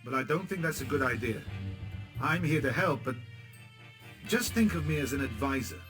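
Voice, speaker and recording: In a video game cutscene, an actor voices a blunt guerrilla commander briefing his men, delivering lines in a dry, sarcastic, matter-of-fact way. His medium-pitched voice is expressive and natural at a moderate pace, with music playing behind him.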